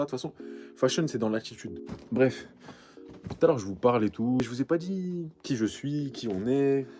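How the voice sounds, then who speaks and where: Fast-talking young man. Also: lowish voice, warm tone. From France. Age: 20s. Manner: slangy, rambling, self-mocking. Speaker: clothing shop owner, vlogger. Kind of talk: casual vlog talk and banter.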